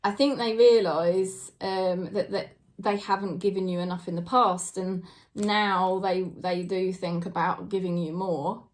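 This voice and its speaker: Speaking at a measured pace in a lowish, steady voice, this British tarot reader in her forties chats hesitantly to camera during a casual reading. She leans on fillers and lets out soft laughs.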